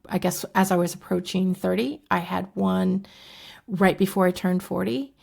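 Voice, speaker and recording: A woman in her fifties, a somatic coach, walking through her program in a relaxed, casual way with frequent fillers and soft asides. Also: on the low side, vocal fry. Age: 50s.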